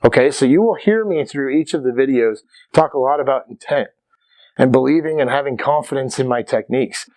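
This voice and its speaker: In a medium-pitched, slightly mellow voice and at a brisk pace, the Irish martial arts instructor talks to camera about self-defense. His delivery is relaxed but emphatic, punctuated by frequent "okay"s.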